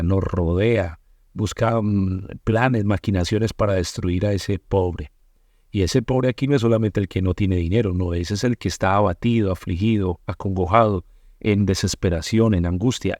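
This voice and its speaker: Pastor, male, low mellow voice, dry sound, patient explainer who answers his own questions. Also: no echo. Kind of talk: bible study teaching.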